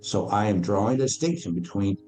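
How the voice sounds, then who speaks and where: A financial educator appears as a guest on a podcast, explaining things in a casual interview. His voice is on the low side and mellow, his delivery brisk, with faint music behind. He tells stories emphatically and acts out the voices of the people in them.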